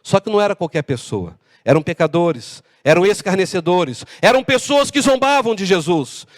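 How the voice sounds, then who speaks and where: High-voiced preaching pastor in a hall. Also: male voice, normal speed. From Brazil. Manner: animated preaching with acted-out dialogue. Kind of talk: sermon. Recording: long hall reverb.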